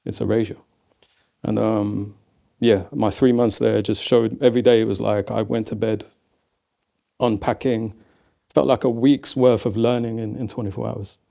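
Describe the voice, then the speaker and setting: Gravelly, mellow English man from Leicester. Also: lowish voice, little pitch movement, moderate pace. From England. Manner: reflective, storytelling, says "man" often. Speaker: guest. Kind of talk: casual conversation.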